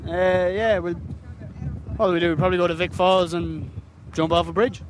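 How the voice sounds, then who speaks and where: A man travelling outdoors who talks in a thoughtful, hesitant way with many pauses. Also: sits high, fairly even intonation, rough recording. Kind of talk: casual chat. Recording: outdoor recording with noise.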